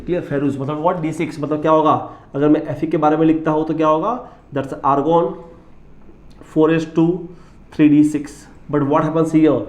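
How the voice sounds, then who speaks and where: A man with an Indian English accent teaches a chemistry class in a roomy, echoing space. His voice sits a little high for a man, with a mellow, soft tone. He mixes Hindi with English and keeps asking the class "clear?" and "what?". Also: muffled recording. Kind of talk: classroom lecture. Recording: echoey room.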